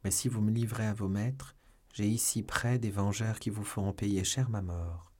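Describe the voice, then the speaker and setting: A man's voice: lowish voice, fairly even intonation, moderate pace, a little mellow, natural voice. A man voicing a cornered, scheming young noblewoman in a read-aloud novel. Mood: threatening.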